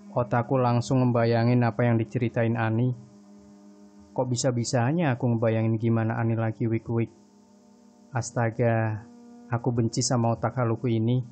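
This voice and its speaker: A man narrating a first-person horror story in an even storytelling manner. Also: medium pitch, normal speed, pauses often. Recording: dull lo-fi recording, faint music.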